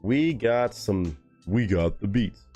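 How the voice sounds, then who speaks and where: Chatty, animated male streamer. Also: on the low side, slow, highs cut off, faint music behind. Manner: loose, chatty, swears casually, answers chat. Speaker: live-stream host. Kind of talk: casual live-stream chat.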